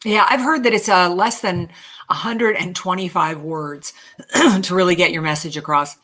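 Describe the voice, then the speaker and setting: A woman's voice: fairly low pitch, moderate pace, bright, forceful tone. A woman co-hosting a sales podcast, chatty and talking casually with many fillers. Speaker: podcast co-host.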